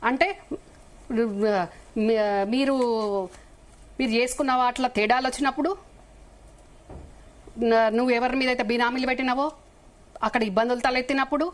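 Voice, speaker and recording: A woman's voice: sits high, flat delivery, moderate pace, pauses often. A middle-aged woman with a Telangana Telugu accent, a guest in a heated live TV debate, firing off emphatic, accusing rhetorical questions.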